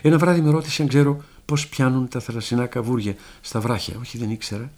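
A man giving a dramatic literary reading, hushed and brooding, voicing all the characters himself. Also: mid-range voice, fairly even intonation. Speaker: narrator.

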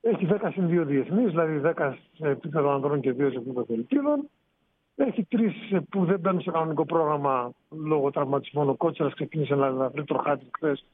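A man, a sports reporter phoning in to a radio show, explaining in an animated way. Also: on the high side, no room sound. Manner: explanatory, animated, rising emphasis. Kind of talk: sports radio phone-in analysis. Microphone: phone. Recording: tinny phone line on radio.

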